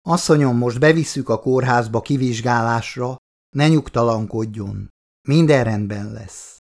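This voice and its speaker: Brisk, calm ER doctor, read by a male narrator, businesslike. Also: mid-range voice, gravelly, natural voice. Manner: brisk, professional, reassuring. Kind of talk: audiobook character voice.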